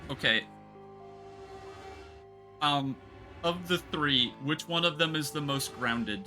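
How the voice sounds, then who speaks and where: A man streaming a video game, reacting excitedly, swearing and reading the text aloud. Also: fairly high pitch, slow pace, faint music behind. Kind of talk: casual game stream commentary.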